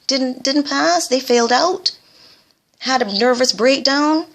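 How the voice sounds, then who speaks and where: A woman's voice: high voice, slow pace, vocal fry, fairly bright tone. A woman in her forties, a doctor encouraging foreign medical graduates in an earnest motivational vlog, often repeating her phrases for emphasis.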